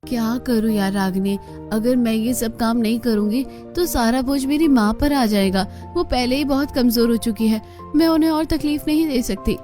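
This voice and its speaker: A woman voicing a kind, hardworking poor young woman in a cartoon, earnest and gentle. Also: a little high, normal speed, soft background music, natural voice. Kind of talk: cartoon voice acting.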